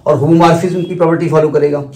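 Math teacher, male, somewhat high voice, patient step-by-step lecturing, heard from afar in an echoey classroom. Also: steady tone, rapid-fire, darkish tone. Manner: explains step by step, repeats terms, asks the class questions. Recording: echoey room from far off, faint noise.

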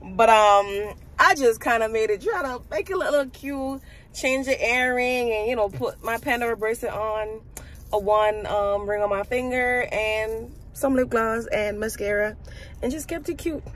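A woman's voice: fairly high pitch, unhurried, a bit bright, rough recording. Young adult woman, casual vlogger, talking to viewers from a car, faint road noise. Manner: chatty and informal, addresses viewers as y'all. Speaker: vlogger and new graduate nurse. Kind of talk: casual vlog chat.

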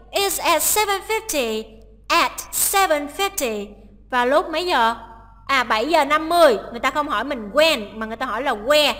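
A woman teacher with a high, ringing voice walks through a listening test. She reads each English sentence and then breaks it down step by step, and a long reverb hangs after her words. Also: pushed and bright. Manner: explains each option, translating English lines aloud.

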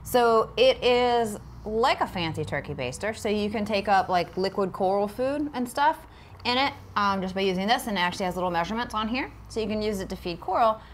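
A woman's voice: mid-range voice, animated, brisk, a little hiss or hum. A woman co-hosting a casual livestream, chatty and upbeat with lots of fillers while she demonstrates. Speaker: co-host of a livestream. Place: aquarium studio.

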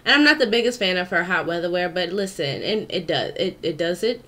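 A woman recording a casual voiceover at home, hyper and playful, calling her viewers "honey" and swinging between loud squeals and low mutters. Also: lively intonation, a little fast. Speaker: YouTuber narrating a game makeover.

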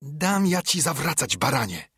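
A shrill, furious blind old pirate beggar, as a narrator puts him on, barking orders at his crew in a high, strained shout. The voice is husky, and it sits dry and close to the mic in a storybook reading. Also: sing-song, measured pace, dry recording, heavily acted. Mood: raging.

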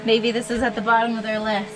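A woman's voice: on the high side, little pitch movement, fast talker, noisy background. A young woman chatting casually and playfully while doing repairs inside a small sailboat cabin, filmed on an action camera. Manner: playful, laughing often. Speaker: sailing vlogger. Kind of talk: casual chat.

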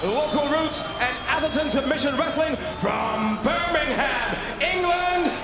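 Guy doing boxing ring announcer intros, really high shouty voice, big drawn out names, echoey arena with crowd and music. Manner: booming, theatrical, drawn-out name calls. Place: large indoor fight arena, in the cage. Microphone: handheld microphone over arena PA.

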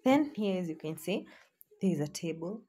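A young Kenyan woman with a Kenyan accent, filming a casual home tour on her phone in a small flat. She chats to her viewers and often drops to soft, half-whispered asides. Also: lowish voice, normal speed, husky. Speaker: vlogger giving a house tour. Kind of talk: casual tour narration mixing Swahili and English. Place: small bedsitter flat, indoors. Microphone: phone held while filming.

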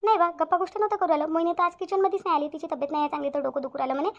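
A woman's voice: very high-pitched, fairly even intonation, very fast. A woman voicing a hardworking, patient young daughter-in-law in a cartoon, placating. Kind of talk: cartoon voice acting. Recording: dull lo-fi audio.

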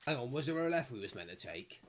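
A man's voice: medium pitch, big pitch swings, fast, a little hiss or hum. A British man joking sarcastically with teammates during a live gaming stream, on a headset.

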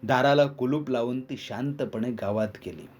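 A man's voice: mid-range voice, moderate pace. A man reading a dramatic village story aloud, raising his voice to act out the characters' lines. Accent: Marathi. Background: soft instrumental music.

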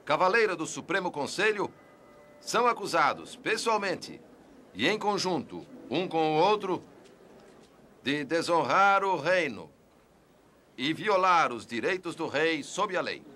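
An actor playing a stern royal court herald, making a formal, measured proclamation in a dubbed film. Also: male voice, fairly high pitch, very animated, pushed and bright, a little hiss or hum, full character voice. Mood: stern, official. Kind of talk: dubbed film drama acting.

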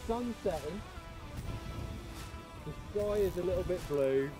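Upbeat middle-aged angler, slightly high voice, outdoors with music underneath. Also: male voice, lively intonation, measured pace. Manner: upbeat, effusive, matey. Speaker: angler and co-host. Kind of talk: casual outdoor chat. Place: riverbank outdoors.

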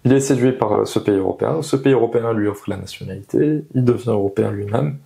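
Speaking quickly in a fairly low, mellow voice with vocal fry, a young male engineer answers interview questions earnestly and forcefully, repeating his main points. The clip was captured indoors in a small meeting room on a clip-on mic.

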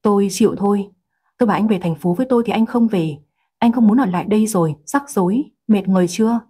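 A woman reading the lines of an easygoing young man, a friend staying over, in her own soft, breathy voice. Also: mid-range voice, quick pace, close to an everyday voice. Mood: grumbling.

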